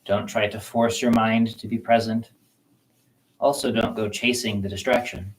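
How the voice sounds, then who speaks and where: A man teaching a qigong self-massage class, guiding listeners slowly and gently through the practice. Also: fairly low pitch, rough recording. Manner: slow, calm, gentle guiding talk. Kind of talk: guided self-massage instruction.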